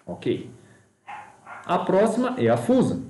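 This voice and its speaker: A male music teacher with a somewhat high voice walks his students patiently through note values, one step at a time. He chants short rhythm syllables to show the beat. The sound carries a clear echo from the room. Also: wildly swooping pitch, slow, darkish tone, slight background noise. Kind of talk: recorded online music lesson. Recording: echoey room.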